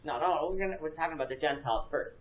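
A man's voice: on the high side, very fast, dull audio. A man in his thirties teaching a church Bible class, explaining earnestly and putting questions to his students. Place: church classroom with a projection screen. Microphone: far camera, no visible mic. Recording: echoey room from a distance.

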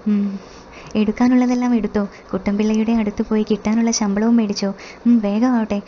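A woman voicing a hot-tempered middle-aged male estate overseer who scolds angrily, in a low, flat, dark voice. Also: a little fast, lo-fi sound, slight background noise, natural voice. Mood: angry scolding. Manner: angry, scolding.

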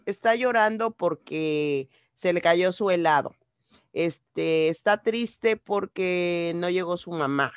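Slow, patient woman teacher. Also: medium pitch, no room sound, studio quality. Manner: patient, repeats each English phrase in Spanish. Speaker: primary school English teacher. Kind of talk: online class teaching young children.

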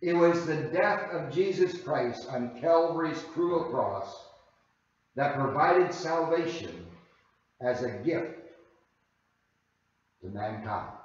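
A man preaching a sermon as a guest minister, slow and deliberate, leaning hard on key phrases. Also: fairly high pitch, animated. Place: church sanctuary. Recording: very echoey hall, voice from far off, dull sound.

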